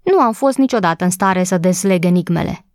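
A slow, grumbling old man who answers testily and without hurry, played by a woman reading aloud. His lines come lower and more drawn out than the rest of the reading. The recording is close and dry. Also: expressive, darkish tone, no room sound, natural voice. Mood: grumpy. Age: older. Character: grumpy old stable hand, slow and dry. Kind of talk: audiobook character voice.

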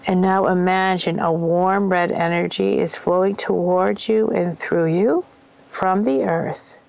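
A woman with a lowish voice speaks in a soothing, gentle murmur, as a host leading a guided meditation. Her delivery is unhurried, with some creak at the edges. The audio is a little dull and lo-fi. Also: steady tone. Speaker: host of a spiritual self-help show.

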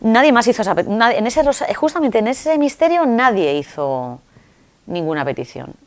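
A woman telling a personal story in an interview, expressive and acting out dialogue. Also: moderate pace. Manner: expressive, acts out dialogue with sudden pitch jumps. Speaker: interviewee sharing a personal testimony. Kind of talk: animated storytelling.

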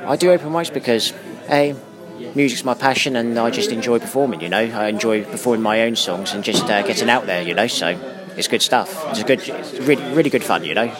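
A man, a musician, chatting in a relaxed, friendly way at a pub venue. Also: mid-range voice, a little fast, music in the background. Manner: relaxed, friendly, "you know". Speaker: musician guest. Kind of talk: casual interview. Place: live room of a pub venue.

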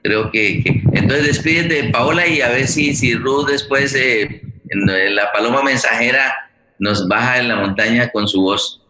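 Hosting a live, unscripted online show, this Colombian-accented man rambles, halts, and repeats words while feeling for what comes next. His mid-range voice sounds pushed and bright, on a low-quality recording with slight background noise.

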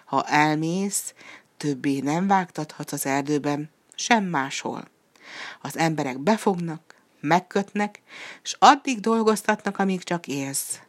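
A woman doing a knowing little boy. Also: low voice. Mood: earnest. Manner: earnest, warning. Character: young boy, calm and knowing.

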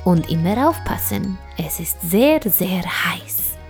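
A woman's voice: on the low side, sing-song, slow pace, exaggerated voice. A woman voicing a cheerful, proud male bear chef in a children's audio story, speaking in an encouraging teacher's tone. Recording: soft music underneath.

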